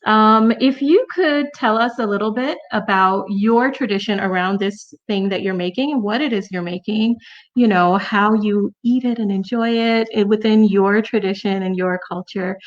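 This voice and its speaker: A woman hosts a casual cook-along from her home kitchen over a video call. She talks in a warm, rambling way, with plenty of fillers and religious phrases. Her voice sits in a middle pitch, and the audio is slightly muffled. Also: moderate pace. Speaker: host.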